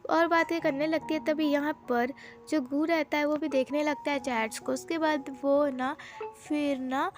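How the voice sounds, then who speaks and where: A woman's voice: high voice, fairly even intonation, a little slow. A woman casually retelling the plot of a drama episode in a chatty, loose way, with many fillers. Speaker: drama recap narrator. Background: background music.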